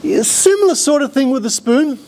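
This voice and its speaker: A man's voice: very high-pitched, animated, fairly quick, darkish tone. A middle-aged man with an Australian accent giving a chatty, jokey live conference talk and bringing audience members up to help. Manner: jokey, chatty showman, breaks into laughs. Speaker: skeptic presenter on stage.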